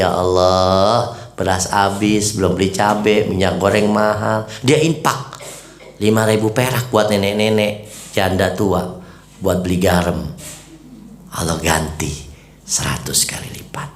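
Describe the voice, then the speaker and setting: A man preaching casually to a women's study group, acting out little everyday scenes. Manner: lively, swings pitch high to stress points, acts out little scenes. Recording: echoey room.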